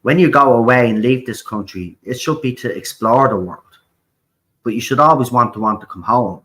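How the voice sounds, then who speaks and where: An Irish talk show host speaks in a medium-pitched, slightly bright voice at a normal pace. He's blunt and repetitive, swears, and keeps tossing in "right?" while delivering opinionated political talk.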